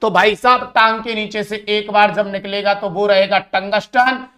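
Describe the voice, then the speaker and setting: A man's voice: high-pitched, steady tone, moderate pace, bright, forceful tone. Brief: male teacher for a recorded exam-prep lesson, questions and answers himself, drills key terms over and over. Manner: addresses students as brothers, asks and answers his own questions, repeats key terms.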